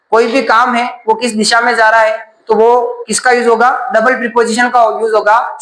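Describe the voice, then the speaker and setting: A man's voice: very high-pitched, a bit bright, echoey room, poor audio. A man teaching a grammar class, asking questions and then answering them himself.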